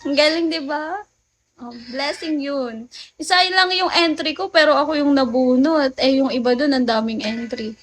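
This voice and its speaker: A woman's voice: high voice, normal speed. A woman from the Philippines chatting casually with viewers on a late-night phone livestream, telling stories and laughing often.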